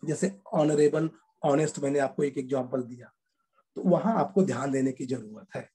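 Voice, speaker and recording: A male teacher, walking young students through a grammar lesson. His voice is mellow and a bit husky, and he drags out key words and repeats them patiently. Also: medium pitch. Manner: explains slowly and repeats words, calls students children.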